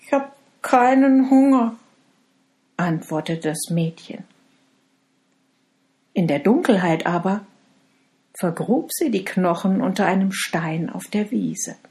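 A woman telling a fairy tale in an expressive, deliberate way, addressing her listeners. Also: on the low side. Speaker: storyteller.

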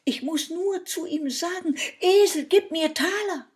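A woman voicing a poor, simple-minded fairy-tale man who shouts in a high, eager voice. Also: lively intonation, slow pace, gravelly, exaggerated voice. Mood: excited.

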